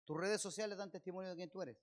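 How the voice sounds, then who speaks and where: This is a pastor with a Chilean accent leading a church service, hitting the congregation with rhetorical questions and growing loud on key phrases. He has a high-pitched voice and talks fast.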